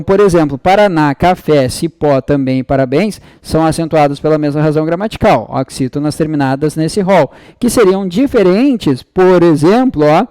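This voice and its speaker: A man's voice: on the high side, warm tone, clean tone, no room sound, clean studio sound. A man teaching an online exam-prep lesson. He explains step by step, checks in often with tag questions and acts out students' questions.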